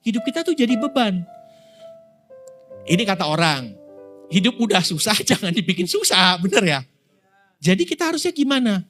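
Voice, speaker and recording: High-voiced man preaching casually. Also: big pitch swings, normal speed, pauses often, a bit bright, faint music behind. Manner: conversational, asks the congregation questions. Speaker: pastor. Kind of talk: sermon. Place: prayer room in a mall.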